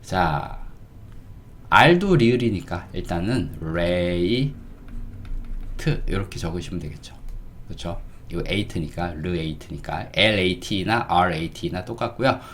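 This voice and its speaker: A man teaching a casual spoken lesson as an English teacher, slow and drawn out, often checking in with the listener. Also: deep voice, animated, fairly bright tone, slight background noise.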